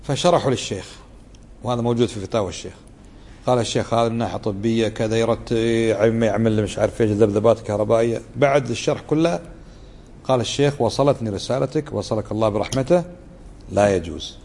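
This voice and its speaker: A man's voice: lowish voice, quick pace, vocal fry, darkish tone. Man teaching in a reverberant hall. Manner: conversational, keeps asking the listeners to confirm; acts out tones of voice to show meaning. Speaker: religious teacher. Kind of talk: lesson commentary.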